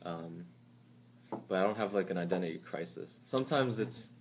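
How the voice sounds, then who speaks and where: A man in his twenties, born in Taiwan, talking in a relaxed, rambling way with many fillers and restarts. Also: deep voice, moderate pace, slight background noise. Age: 20s. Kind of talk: casual chat.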